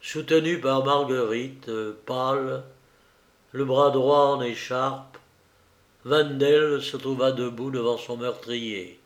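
A man reads a novel aloud at a slow, measured pace, with dramatic pauses. His voice sits in the middle range. The room around him is echoey. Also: mid-range voice, steady tone. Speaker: audiobook reader. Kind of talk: novel reading.

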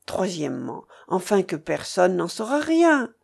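A woman's voice: on the low side, sing-song, measured pace, vocal fry, a little mellow, heavily acted. A woman reading aloud and voicing a cunning female servant who coaxes and persuades her master. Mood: coaxing. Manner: coaxing, persuasive.

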